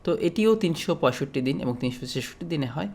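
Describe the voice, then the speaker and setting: A man from Bangladesh giving an explanatory lecture as a teacher, speaking steadily with frequent pauses and fillers. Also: fairly high pitch, animated, a little mellow.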